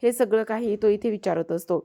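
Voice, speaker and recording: A woman's voice: medium pitch, fairly quick, creaky, mellow. A woman narrating a TV serial episode recap, retelling each scene step by step and reading the characters' lines aloud.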